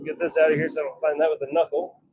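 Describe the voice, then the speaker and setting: A hobby blacksmith hosts a livestream from his home forge workshop, chatting casually as he works and talking partly to himself, partly to viewers. His voice is a little high and completely flat, he races along, and there's noise in the background.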